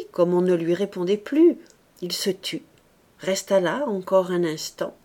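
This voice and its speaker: A woman reading a classic novel aloud as an audiobook narrator, in a measured and expressive way. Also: medium pitch. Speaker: audiobook reader.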